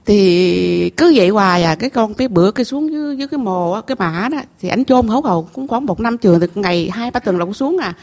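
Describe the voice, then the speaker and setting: In a mid-range voice with lively intonation and a darkish tone, a middle-aged Southern Vietnamese woman recounts her story as an emotional testimony at a temple gathering. She speaks haltingly and earnestly, circling back on her words and repeatedly addressing the master.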